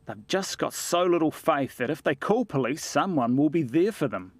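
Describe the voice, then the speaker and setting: A man's voice: fairly high pitch, lively intonation, normal speed, dry recording. Man with a disguised, altered voice. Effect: voice electronically altered to hide identity. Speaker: anonymous rural police officer. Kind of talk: news interview clip.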